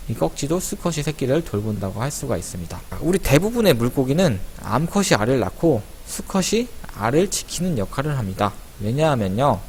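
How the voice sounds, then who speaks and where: A man's voice: medium pitch, darkish tone. A man teaching a casual explanatory lesson for schoolchildren, conversational and addressing pupils directly. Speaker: teacher presenting an online lesson. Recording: clear hiss behind the voice.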